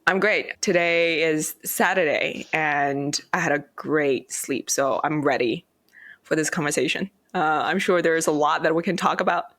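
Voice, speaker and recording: A man's voice: fairly high pitch, moderate pace, sharp tone, no room sound, clean studio sound. A man hosting a podcast, asking friendly, curious questions in casual chat. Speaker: podcast host. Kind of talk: casual interview.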